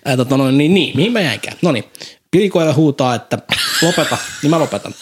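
A man's voice: medium pitch, sing-song, background noise. A man with a Finnish accent hosting a casual podcast chat, rambling and joking, slipping into broken English now and then. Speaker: podcast host.

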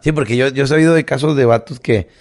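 A man's voice: medium pitch, quick pace, darkish tone. A man with a Mexican accent, chatting casually on a podcast with short replies and crude slang. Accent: Mexican Spanish. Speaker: podcast co-host. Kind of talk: casual chat.

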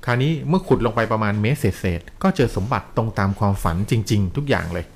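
A man telling a ghost story in casual chat, with a polite, dramatic delivery full of soft polite particles. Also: fairly low pitch, lively intonation, fast, creaky. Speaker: storyteller host.

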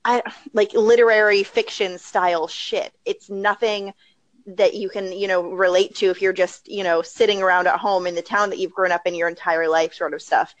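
A woman's voice: medium pitch, fairly even intonation, moderate pace, no echo, poor audio. A young woman co-hosting a podcast, rambling passionately with lots of fillers in casual chat. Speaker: podcast co-host.

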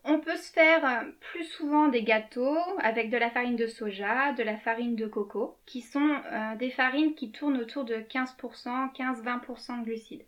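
A woman's voice: on the high side, moderate pace, few pauses, a bit bright. A woman co-hosting a podcast, explaining things casually with frequent hesitations. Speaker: podcast co-host.

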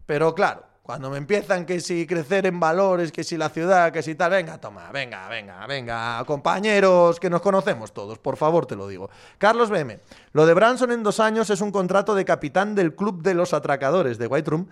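A man with a fairly high-pitched voice hosts a relaxed chat, reading viewer messages aloud. His replies are blunt and sardonic. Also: brisk. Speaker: host answering viewer questions. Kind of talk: casual chat.

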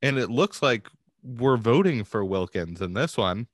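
A man's voice: medium pitch, lively intonation, unhurried, no room sound, clean studio sound. A man co-hosting casual, humorous commentary with another host.

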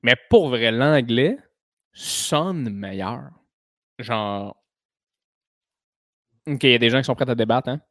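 Casting: Québécois man, podcast host, loose and jokey, swears a lot, medium pitch, dry close mic. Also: takes it slowly, pauses often, no room sound. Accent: Québécois French. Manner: joking, animated, swears freely. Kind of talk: casual podcast monologue.

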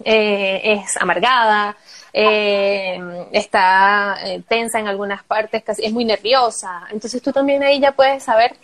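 A woman's voice: medium pitch, a little slow, rough recording. A woman from Venezuela, a voice actor talking casually in an interview and acting out her examples. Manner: lively, acts out examples, laughs often. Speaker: guest, voice actor and announcer.

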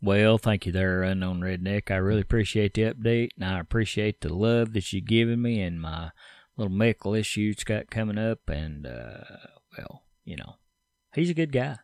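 A man's voice: lowish voice, animated, moderate pace, a little mellow, no room sound. A man hosting a podcast, chatting loosely and joking about himself. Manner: loose, joking, self-deprecating, laughs often. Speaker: podcast host. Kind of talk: casual chat.

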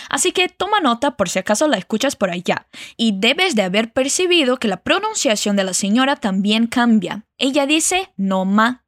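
A Spanish teacher runs a language lesson, modeling each phrase slowly and carefully. Her voice is a little high, and the recording is dry and close.

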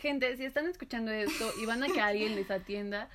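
A woman's voice: fairly high pitch, a little fast, background noise. A woman in casual chat, backing up her friend with short agreements and slang. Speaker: podcast co-host.

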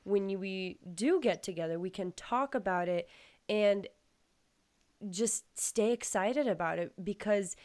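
A woman's voice: medium pitch, unhurried, a little mellow. A woman hosting a podcast, talking earnestly and with emphasis about faith. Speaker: podcast host. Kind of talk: casual faith chat.

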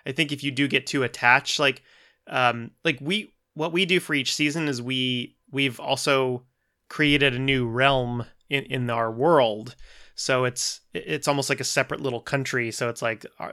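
Bright, clear-voiced man chatting. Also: mid-range voice, fairly even intonation, normal speed. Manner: rambling, many restarts and fillers. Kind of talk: casual podcast chat.

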